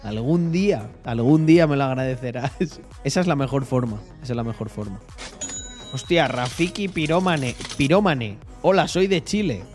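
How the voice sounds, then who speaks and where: A young man with a Spanish accent talks straight to his stream chat, punchy and emphatic, doubling up his words. Soft music plays faintly behind him. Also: mid-range voice, animated, normal speed. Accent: Spain. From Spain. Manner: emphatic, repeats words, swears freely. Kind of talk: casual livestream monologue.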